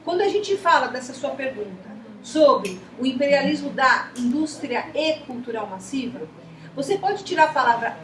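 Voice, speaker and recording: A woman with a Brazilian Portuguese accent teaching a class of teachers, talkative and full of rhetorical questions. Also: high voice. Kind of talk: lecturing a class. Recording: echoey room, distant mic, faint noise.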